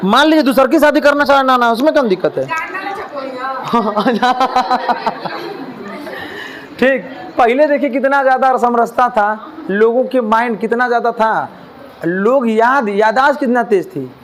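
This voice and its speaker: A man's voice: very high-pitched, moderate pace, fairly bright tone, some chatter behind. A male teacher, lecturing a class in a classroom, questioning the students and joking with them. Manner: asks the class questions, jokes and mimics lisping children.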